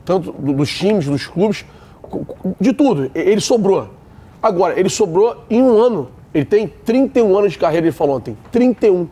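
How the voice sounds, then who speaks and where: Rio-accented male panelist, blunt and emphatic, high-pitched voice, studio debate. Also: expressive, brisk, mellow. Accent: Brazilian Portuguese, Rio de Janeiro. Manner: blunt, emphatic, repeats points.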